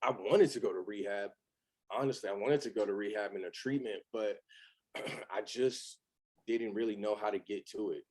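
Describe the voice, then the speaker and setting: A man's voice: lowish voice, moderate pace, darkish tone. A man from Los Angeles in his thirties, a podcast guest talking candidly in a loose, rambling way with many fillers. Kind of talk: casual chat.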